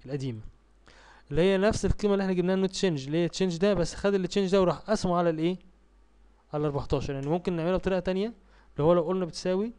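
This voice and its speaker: A man with an Egyptian Arabic accent teaching a spreadsheet tutorial over a screen recording, reading English task steps slowly and asking himself questions as he clicks through. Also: high-pitched, darkish tone, clean tone. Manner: asks and answers his own questions while clicking through steps; reads English task text slowly, then explains. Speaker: software tutor.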